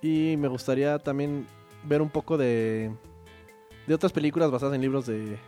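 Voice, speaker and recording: A Mexican man with a medium-pitched voice talks casually as a podcast co-host. He is opinionated and loose with slang and profanity, with faint music behind him. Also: steady tone, normal speed, dark tone. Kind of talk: casual chat about films.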